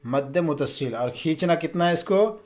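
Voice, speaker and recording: A patient male teacher gives a relaxed Quran reading lesson in an easy, conversational voice. He quizzes his listeners, answers his own questions, and stretches each example word out slowly. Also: on the high side. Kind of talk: casual spoken lesson.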